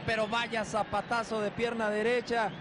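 Male co-commentator breaking down replays, high-pitched voice, very loud stadium noise underneath. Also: little pitch movement, moderate pace. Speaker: football commentator. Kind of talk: replay analysis in match commentary.

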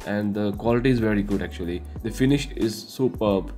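A young Indian man, a tech reviewer who speaks English as a second language with an Indian accent, does a casual unboxing full of "you know" fillers. His voice is fairly low and dark, and he talks fairly quickly. The indoor studio room with curtains sounds echoey, with soft music behind him.

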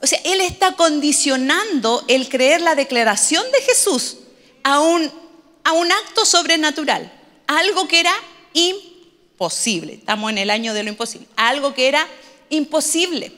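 A woman's voice: sits high, expressive, moderate pace, pushed and bright, in a large hall. A woman pastor, preaching a sermon in a conversational storytelling manner with humorous asides.

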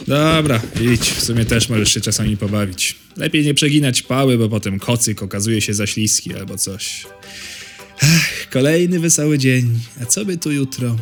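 Guy as cynical baby thinking out loud, crude and grumbly, normal adult pitch, comedy narration. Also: normal speed, soft background music, close to an everyday voice. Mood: smug, scheming. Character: cynical, foul-mouthed baby's inner voice, world-weary. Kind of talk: comedic inner monologue narration.

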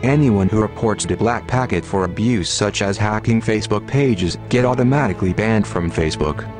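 A man reading a scripted statement as an anonymous spokesman in a disguised deep voice, grave and measured. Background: music.

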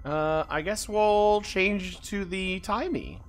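Game music runs under this medium-pitched, slow voice as a streamer playfully narrates a video game. They read its text aloud, mutter along and stay animated with playful exclamations throughout.

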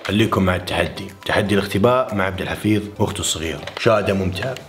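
A man hosting a casual challenge vlog in a playful, animated way. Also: sits low, very fast. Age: 20s. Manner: playful, animated, addressing the camera and children. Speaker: YouTube host. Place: large house indoors and its doorway outside. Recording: echoey rooms, music behind.

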